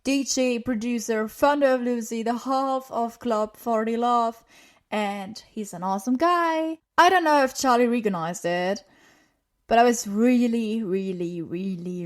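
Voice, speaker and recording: A woman hosting a podcast interview, eager and quick to laugh as she moves through her questions. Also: a little high, expressive. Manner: eager, giggly, fast-moving questions. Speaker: podcast host. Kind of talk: casual interview.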